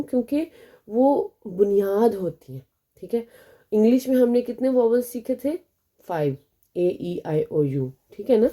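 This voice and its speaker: A woman with a Pakistani Urdu accent gives a beginner language lesson, asking questions and then answering them herself. Her voice has a very sharp, tense edge at an ordinary pitch. She slows down to sound out each letter. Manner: explains step by step, asks and answers own questions. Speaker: Arabic teacher.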